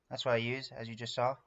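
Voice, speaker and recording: French man, native french speaker, livestream chat, rambling and filler-heavy, smooth voice, slightly dull audio. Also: mid-range voice, flat delivery, normal speed, fairly bright tone. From France. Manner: rambling and self-narrating, many fillers. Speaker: streamer. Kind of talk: casual live-stream chat while drawing.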